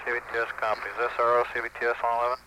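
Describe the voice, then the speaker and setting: A man's voice: mid-range voice, completely flat delivery, rapid-fire, noisy background. A man working as a launch control console operator, giving terse, by-the-book procedural acknowledgments heard over a two-way radio net. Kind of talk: clipped procedural radio callouts.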